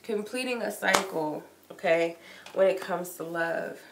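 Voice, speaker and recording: Stuffy-nosed from a cold, a tarot reader does a relaxed live stream, her chatter loose and full of likes and ums. She speaks unhurriedly in a gravelly, fairly low voice. Echo and noise fill the room.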